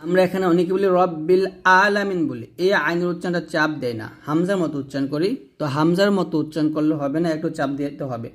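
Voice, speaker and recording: A man teaching recitation, spelling out words letter by letter and drawing the syllables out, then explaining rules more briskly. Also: on the high side, darkish tone. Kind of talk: slow spelled-out recitation lesson.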